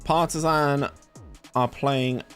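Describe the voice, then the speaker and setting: A young West Country Englishman streams a game from a home room in summer heat with a fan running, chatting casually and reacting aloud to his chat. His mid-range voice is steady, slow and fairly bright, with faint music behind.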